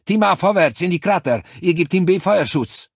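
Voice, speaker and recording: A man voicing a gruff male sergeant who shouts clipped military orders at his troops. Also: medium pitch, fairly quick, dry recording, studio quality, natural voice. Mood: yelling.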